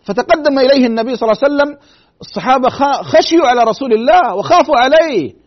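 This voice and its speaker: A man giving a dramatic religious storytelling lecture, swinging between loud emphasis and hushed tones and asking rhetorical questions. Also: very high-pitched, expressive, racing. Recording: dull lo-fi broadcast recording.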